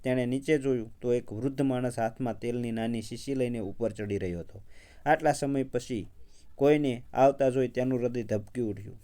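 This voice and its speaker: A man narrating a scripted moral story in a calm, even storytelling manner. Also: mid-range voice, normal speed.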